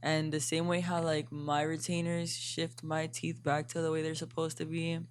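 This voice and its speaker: A woman's voice: low-pitched, completely flat delivery, normal speed, slight background noise. A young woman co-hosting a podcast in casual chat, laughing often and explaining things at length. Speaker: podcast co-host.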